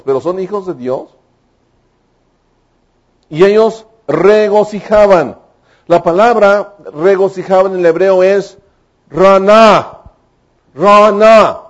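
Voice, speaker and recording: A man's voice: high voice, a little mellow. A man, preaching a sermon with emphatic, fervent delivery. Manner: emphatic, rising to fervent exclamations. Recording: dull lo-fi recording.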